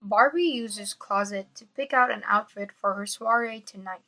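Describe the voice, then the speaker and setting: A woman's voice: mid-range voice, moderate pace, bright, forceful tone, slight background noise. A woman reading scripted educational narration, explaining step by step.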